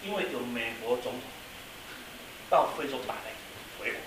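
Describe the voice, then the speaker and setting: A man preaching a sermon as a pastor, telling a story and swinging from quiet asides to loud exclamations. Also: mid-range voice, lively intonation, moderate pace. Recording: echoey hall, mic at a distance, faint hiss.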